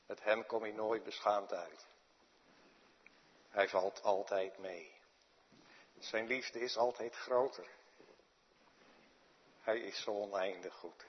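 A man preaching a sermon in a church, slow and dramatic, with sudden hushed drops. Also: lowish voice, steady tone, highs cut off. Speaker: pastor.

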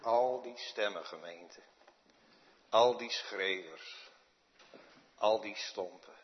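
A man preaching a sermon in a church, slow and dramatic, with sudden hushed drops. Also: fairly low pitch, highs cut off. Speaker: pastor.

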